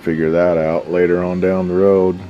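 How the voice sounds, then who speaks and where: A man with a low voice and little pitch movement talks at a moderate pace over faint background music, and the sound is lo-fi. He's a hobbyist radio restorer and video host, offering casual, unscripted commentary in a folksy, slangy mutter as he works on a repair.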